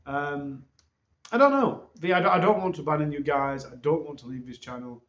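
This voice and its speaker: A man, a channel host, giving viewers a casual, rambling update full of ums, recorded on a low-quality phone. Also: brisk, a bit bright. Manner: hesitant, rambling, many ums. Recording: dull, roomy phone recording.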